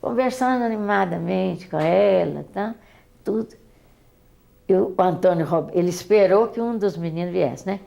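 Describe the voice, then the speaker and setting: In an oral history interview, an older woman with a Brazilian accent remembers her daughter, speaking haltingly and often repeating words. Her mid-range voice is gravelly and dark in tone.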